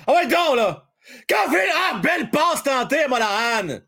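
A middle-aged man with a Québécois accent doing live fan commentary on a hockey game, shouting at plays and then dropping to a mutter while chatting with viewers. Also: very high voice, big pitch swings, a little slow, vocal fry. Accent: Québécois French.

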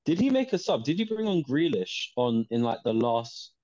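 A man moderating a casual football discussion, asking questions in a measured way. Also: a little high, sing-song, a loud crowd. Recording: slightly dull, lo-fi sound.

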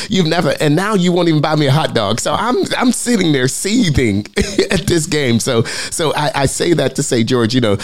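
A man's voice: medium pitch, darkish tone. A man who hosts a podcast and preaches, speaking earnestly on a group call and often repeating words when he is moved. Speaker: podcast host and pastor. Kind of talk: personal storytelling on a panel call.

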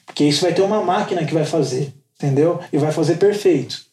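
A man's voice: fairly high pitch, fast talker, warm tone. A man, a Brazilian tattoo artist, being interviewed on a podcast in a casual, slangy way full of fillers. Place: podcast studio. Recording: echoey studio with faint noise.

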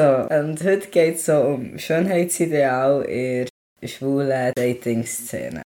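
A young man hosting a podcast, talking calmly and quietly in casual chat. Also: medium pitch. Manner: calm, quiet talker, rises when emotional. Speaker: podcast host.

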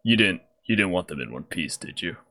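A man voicing a huge, calm reptilian dragonborn bouncer with a gravelly voice. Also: low-pitched, exaggerated voice. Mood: calm menace. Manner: unhurried, dryly menacing.

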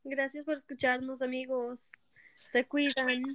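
A woman's voice: high-pitched, level tone, a little slow. A woman hosting a casual Spanglish podcast, speaking hesitantly and restarting her phrases as she goes. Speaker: podcast host.

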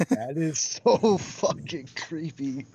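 A man's voice: on the high side, expressive, slow, dark tone. A young man co-hosting a casual podcast, swearing freely and laughing often. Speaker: podcast co-host. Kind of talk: casual chat.

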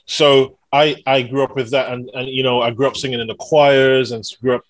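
Talking fairly quickly in a level, medium-pitched voice, this singer and songwriter from London is a podcast guest, keeping the interview chat casual. He's effusive and enthusiastic and laughs readily, and the recording is rough though free of echo.

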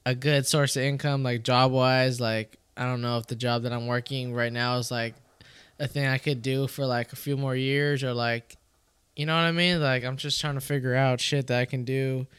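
Casting: male, twenties. Clean, smooth tone, loose sweary frat-bro delivery, conversational. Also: mid-range voice, fairly even intonation, normal speed, fairly bright tone, no echo. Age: 20s. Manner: frat-bro talk, slangy, heavy "bro" and swearing. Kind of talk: casual chat.

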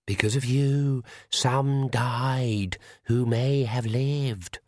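A man voicing a dark shadow self that tempts in slow, hushed tones. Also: medium pitch, fairly even intonation, no room sound, clean studio sound. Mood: accusing.

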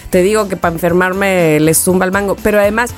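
Over faint background music, a fast-talking middle-aged podcast co-host with a Mexican accent and a lowish voice shares anecdotes in casual conversation, animatedly performing the quoted voices.

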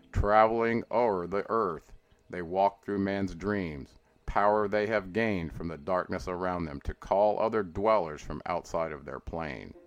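A man with a very low, heavy voice reads an archaic mystical text like an incantation. His delivery is slow and declamatory, lifting on every call and falling away at the close of each line. Soft guitar plays faintly under him. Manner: slow, intoning and declamatory, rising on calls and dropping low at line ends. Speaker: reader. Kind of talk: solemn dramatic reading of an archaic mystical text. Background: soft guitar music.

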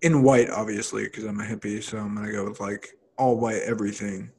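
A man's voice: lowish voice, steady tone, brisk, gravelly, darkish tone, breathy edge. A young man hosting a podcast, chatting casually and laughing often, with lots of fillers as he trails off. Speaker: podcast host. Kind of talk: casual chat.

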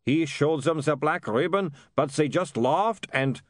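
A man's voice: on the high side, animated, unhurried, dry recording, clean studio sound, voice pushed up. A man doing a flustered, fretting man. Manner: fretful, chattering.

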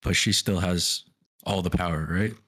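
A man's voice: low voice, steady tone, normal speed, a bit bright. A man playing a tabletop game, hesitant and full of ums as he asks questions in character. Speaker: player. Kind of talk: casual tabletop play.

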